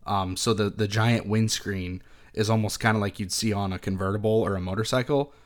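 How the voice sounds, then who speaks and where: A man co-hosting a podcast, calmly explaining things in casual chat. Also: fairly low pitch, brisk. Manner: relaxed, explains with comparisons. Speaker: podcast co-host.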